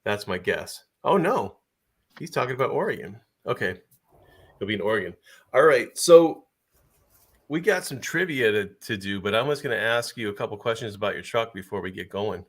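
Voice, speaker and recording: A man hosting a relaxed online livestream with a fairly low voice. He keeps the chat going in an easy, talkative way and laughs readily. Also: moderate pace, breathy edge. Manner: chatty, laughs easily. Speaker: livestream host.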